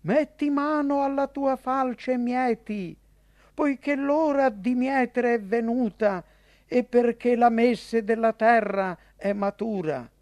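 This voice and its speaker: A man voicing a loud commanding angel. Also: extremely high pitch, slow pace, no echo, voice pushed up, heavily acted. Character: male angel crying out a command.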